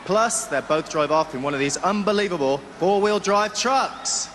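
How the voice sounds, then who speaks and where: A man co-hosting a game show in a large indoor arena, energetic and hyping things up. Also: sits high, normal speed, very noisy. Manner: energetic, hyping, calls out over the crowd. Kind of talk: lively TV presenting in an arena. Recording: loud arena crowd and music.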